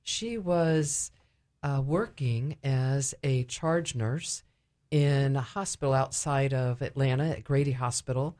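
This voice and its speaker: Guesting on a conversational radio interview, this ministry director speaks in a rumbling low, dark voice. She explains things somewhat haltingly.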